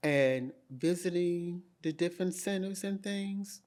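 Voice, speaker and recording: Animated woman telling her story. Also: fairly low pitch, a little slow. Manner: lively, animated, quoting herself with emphasis. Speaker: interview guest. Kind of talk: candid storytelling.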